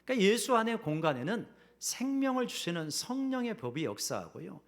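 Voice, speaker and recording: A man's voice: high-pitched, sing-song, brisk. A middle-aged man preaching a sermon as senior pastor in a church, acting out quoted voices and dropping to a whisper at key lines. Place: church sanctuary.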